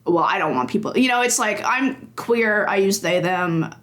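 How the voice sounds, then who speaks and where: Laughing often and leaning on plenty of fillers, a games journalist in her twenties chats casually as a guest. She has a medium-pitched, slightly bright voice and keeps a moderate pace.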